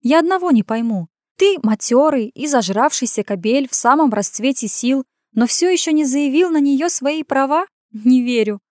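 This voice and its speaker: A woman's voice: high voice, animated, moderate pace, a little mellow, no echo, clean studio sound, voice pushed up. A woman putting on a sly purring temptress. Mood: mocking. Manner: bossy and mocking. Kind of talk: audiobook character voice.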